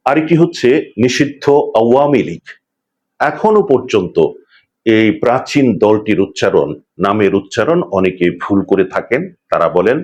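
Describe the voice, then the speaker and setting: A man giving a pronunciation lesson, speaking in a measured way and slowing down to model each word. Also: fairly low pitch, darkish tone, highs cut off. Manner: measured, deliberate, slows down to model correct pronunciation. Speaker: pronunciation teacher. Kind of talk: instructional talk to camera.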